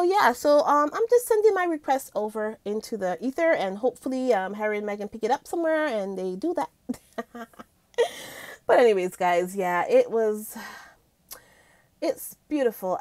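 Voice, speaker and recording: A woman's voice: fairly high pitch, darkish tone, no echo. A woman vlogger talking casually to her viewers, chatty and gushing, often calling them guys. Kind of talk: casual commentary chat.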